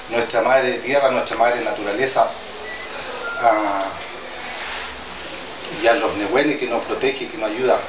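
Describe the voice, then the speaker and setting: Speaking informally to a gathering in a meeting hall, a man with a mid-range voice, a traditional healer from southern Chile who first spoke Mapudungun, talks plainly yet hesitantly, restarting often. He's far from the mic, and the audio is echoey and noisy with an audience present.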